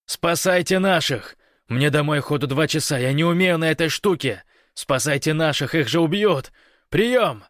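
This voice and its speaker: A man voicing a desperate young man who yells commands over a radio, high and loud, in a dry recording. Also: animated, normal speed, no room sound. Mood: commanding. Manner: shouting, commanding.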